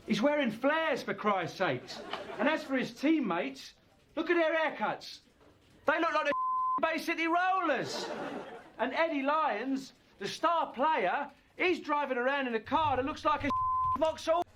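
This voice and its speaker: An actor playing a brash, pushy editor of a children's comic who talks in a blunt, dismissive way. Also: male voice, very high voice, expressive, measured pace, noisy background. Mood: scornful. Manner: brusque and blunt.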